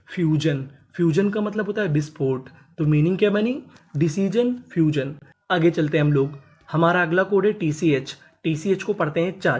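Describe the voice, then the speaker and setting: Phonics teacher, slow letter-by-letter spelling, repetitive, drawn-out cadence. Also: mid-range voice, darkish tone. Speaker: English teacher. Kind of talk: scripted phonics lesson.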